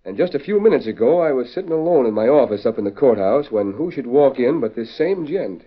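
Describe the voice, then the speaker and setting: A man plays a plainspoken frontier sheriff in an old radio western. His mid-pitched voice is folksy and wary. The recording is dull and lo-fi. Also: lively intonation, brisk, natural voice. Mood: wary, suspicious. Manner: folksy frontier drawling slang. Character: small-town western sheriff, plainspoken and suspicious.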